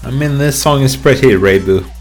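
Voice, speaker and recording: A man's voice: mid-range voice, moderate pace, music in the background. A young man from Norway streaming live, bantering with his viewers in a joking, profane, offhand way. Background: faint song playing.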